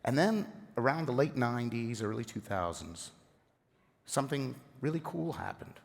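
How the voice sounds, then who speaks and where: A man giving a conference presentation, hoarse from the flu, speaking in an energetic, joking, conversational way. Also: medium pitch, normal speed. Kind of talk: keynote presentation. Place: conference event stage. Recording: long reverb of a conference hall.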